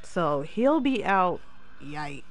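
A man hosts a gaming video with casual, folksy narration. He speaks slowly, with a lot of swing in his pitch. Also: very animated, soft background music. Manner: folksy, says y'all. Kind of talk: casual narration of a wrestling game storyline.

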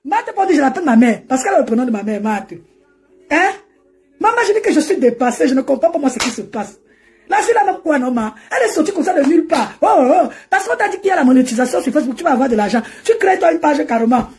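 High, lively woman ranting on a live stream. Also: fast talker. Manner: mocking, lively, laughs often. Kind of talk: animated Facebook live rant.

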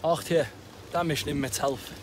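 A man's voice: a little high, steady tone, fairly quick, very noisy. A man from Grindelwald with a Bernese Oberland Swiss German accent, playing a teasing local in a comedy sketch. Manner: dry, teasing remarks.

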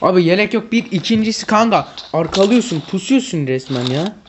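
A woman's voice: medium pitch, animated, brisk, heavy background noise. A woman streaming a mobile shooter, chatting casually and teasing her friend in exasperated slangy banter. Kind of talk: casual gaming chat with a friend.

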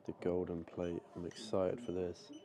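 A man's voice: low voice, little pitch movement, normal speed, crowd noise. A man giving casual travel vlog commentary in short, informal remarks. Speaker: travel vlogger.

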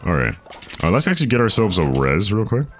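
A man with a very low voice chats through a game stream, talking with lively swings in pitch. He thinks out loud and answers his chat as he plays, with faint music under him. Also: fast. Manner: chatty, reads chat aloud, thinks out loud. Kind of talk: casual gameplay commentary.

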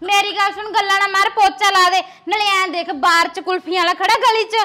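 Nagging bedridden wife, very high bright voice woman plays it; faint music bed. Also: fairly even intonation, fairly quick. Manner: nagging, bossy, teasing. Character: bossy bedridden village wife, lazy and sharp-tongued. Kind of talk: rustic comedy sketch acting.

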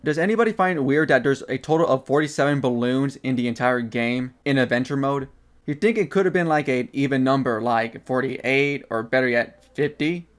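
A man's voice: mid-range voice, fairly quick. A young man narrating a gaming trivia video in a casual, wry way, with sarcastic asides.

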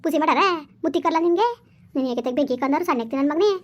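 A woman playing a shrill furious village mother. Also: racing, darkish tone, close to an everyday voice. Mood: furious scolding. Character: furious village mother scolding her grown son. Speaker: actor in a village comedy drama series. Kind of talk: rural comedy drama acting. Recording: dull lo-fi recording.

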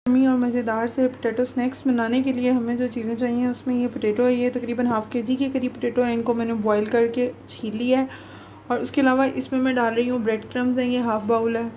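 A young woman runs a home cooking channel, narrating a recipe step by step from her home kitchen in a chatty, homely voice-over full of fillers. Her voice is a little high and mellow, flat in delivery and fairly quick, with a little hiss or hum.

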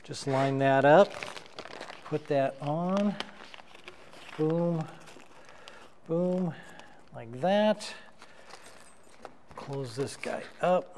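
A middle-aged man demonstrating how to assemble lighting gear at a table in a dark studio, talking as he works. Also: fairly high pitch, expressive, long reverb tail, slight background noise. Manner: unhurried, talks while assembling gear. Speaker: photographer reviewing gear. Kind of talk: hands-on gear demo. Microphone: wireless lapel mic.

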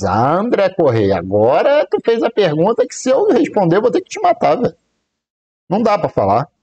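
On his live trading stream, a man from Brazil talks casually with his audience, joking while counting out loud. He has a warm tone, and his voice sits high.

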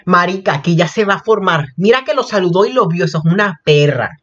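A young man giving casual, gossipy reaction commentary, excitable and prone to sudden shrieks. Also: high-pitched, a little fast, lo-fi sound. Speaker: reaction vlogger.

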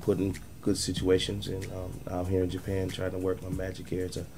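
A man's voice: sits low, monotone, brisk, darkish tone. A man from Western New York, a guest musician on a radio talk show, laid-back and joking. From Western New York, United States. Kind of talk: casual talk show self-introduction. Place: small radio studio. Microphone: studio mic with headphones. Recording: music playing in the background.

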